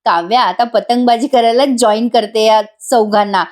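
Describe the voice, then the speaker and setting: A woman's voice: a little high, normal speed. Chatty woman reviewing a TV serial. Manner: chatty, excited, laughs often. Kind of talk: voice-over episode review.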